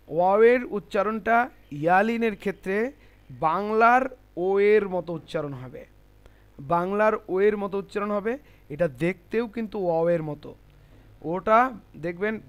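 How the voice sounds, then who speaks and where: Guy teaching pronunciation online, fairly high voice, slow patient drilling, repeats everything. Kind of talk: online class instruction.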